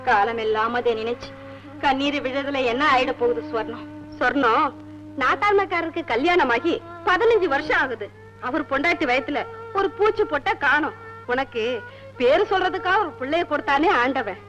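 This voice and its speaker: A woman's voice: high-pitched, moderate pace, music in the background, natural voice. An actress playing a village woman consoling her friend in a coaxing, reassuring way, in an old film soundtrack. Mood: soothing. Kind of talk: 1960s Tamil film acting.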